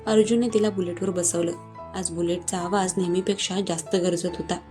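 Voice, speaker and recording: Warm-voiced woman narrating a romance. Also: lowish voice, fairly even intonation, brisk. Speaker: storyteller. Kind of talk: scripted narration of a romance story. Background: soft music.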